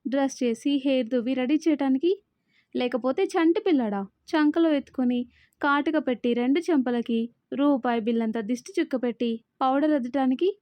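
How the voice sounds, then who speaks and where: A woman voicing a sharp-tongued young wife who scolds and complains, in an audiobook novel reading. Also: sits high, no room sound, highs cut off, close to an everyday voice. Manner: sassy, scolding.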